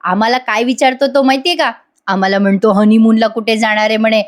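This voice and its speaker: A woman's voice: a little high, steady tone, fast, natural voice. A woman voicing a cheeky young man who teases his mother. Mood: teasing. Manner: teasing, joking. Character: teasing young married man, cheeky son.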